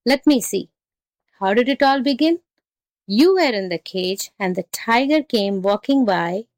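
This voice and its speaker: A woman's voice: mid-range voice, takes it slowly, creaky, dry recording, studio quality. A woman voicing a sly storybook jackal who acts dim, muddled and plaintively confused. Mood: wailing, confused.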